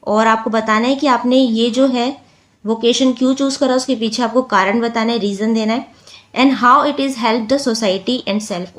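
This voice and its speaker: A woman teacher with a fairly high voice explains a poetry lesson. She reads each English line slowly, then explains it patiently in Hindi. Her delivery is calm and steady. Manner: patient, counts syllables out loud.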